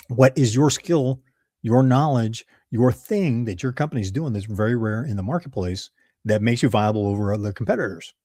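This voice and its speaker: A man's voice: mid-range voice, darkish tone, no echo. Midwestern man giving dry, rambling advice. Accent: Midwestern American. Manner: conversational, digressive, self-correcting. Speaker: leadership channel host. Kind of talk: solo advice talk to camera.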